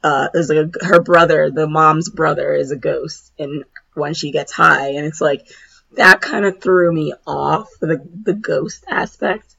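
A woman co-hosting a casual podcast chat with a hoarse, raspy voice that is nearly gone, talking informally with lots of filler words. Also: low voice, a little slow, bright, forceful tone, lo-fi sound. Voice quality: raspy, husky. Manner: informal, heavy use of "like" and "you know".

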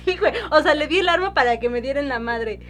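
A young woman with a Mexican accent telling stories in a casual podcast chat, slangy and quick to laugh and tease. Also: high voice, lively intonation, a crowd in the background. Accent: Mexican Spanish. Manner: slangy, laughs often, quick teasing interjections. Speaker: podcast co-host.

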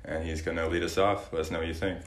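A man's voice: sits low, little pitch movement, fast. A man hosting a podcast, interviewing his guest in a casual, conversational style. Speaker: podcast host. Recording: echoey room.

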